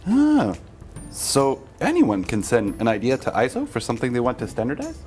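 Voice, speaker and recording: Casting: a woman to play a goofy, curious sock puppet for an explainer, low-voiced and hugely animated, exaggerated and silly. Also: normal speed, faint music behind, full character voice. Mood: eager, curious. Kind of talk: scripted comic explainer dialogue.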